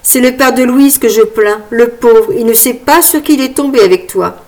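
A woman's voice: a little high, a little mellow, lightly acted. A woman voicing an amused husband who teases his wife in an audiobook reading. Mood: mocking. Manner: mocking, drawn-out teasing. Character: teasing husband, amused and mocking.

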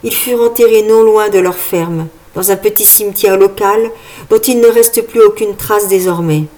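A woman's voice: medium pitch, moderate pace, mellow, natural voice. A woman voicing the spirit of a vengeful dead man in a horror audiobook, clipping each syllable precisely. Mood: menacing.

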